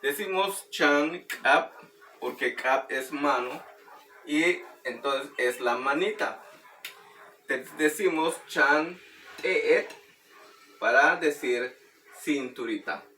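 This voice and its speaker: A man teaching Maya words through a children's song, speaking slowly and patiently and repeating words for practice. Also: fairly high pitch, bright, forceful tone. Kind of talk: explaining and demonstrating a children's song. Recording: roomy, distant mic, faint background noise.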